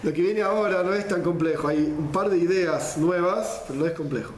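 A man's voice: high voice, a little fast, a little hiss or hum. Man teaching in an echoey room. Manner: lively explainer, mixes Hebrew quotes with Spanish gloss. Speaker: Torah class teacher. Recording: roomy echo.

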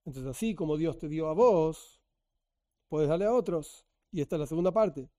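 A man with an Argentine accent giving a religious teaching talk, animated and lively, sometimes acting out the voice of a selfish giver. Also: sits high, no room sound, studio quality. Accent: Argentine Spanish.

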